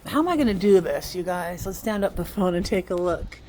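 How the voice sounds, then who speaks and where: A woman teaching a children's phonics lesson, slowly sounding out letters and syllables in an encouraging way. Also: lowish voice, lively intonation, noisy background. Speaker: kindergarten teacher.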